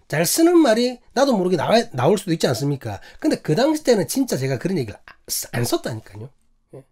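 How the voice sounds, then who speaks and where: A male pastor with a Gyeongsang accent, telling a personal story in a sermon, acting out quotes and asking the congregation questions. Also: high-pitched. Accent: Gyeongsang Korean. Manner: animated, acts out quotes, asks the congregation questions.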